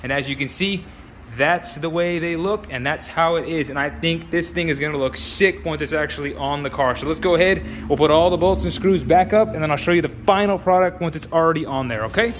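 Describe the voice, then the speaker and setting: Excited young-sounding man hosting a car how-to. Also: fairly high pitch, fairly quick. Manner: excited, informal, addresses viewers as guys. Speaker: car channel host. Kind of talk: casual how-to vlog. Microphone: phone camera.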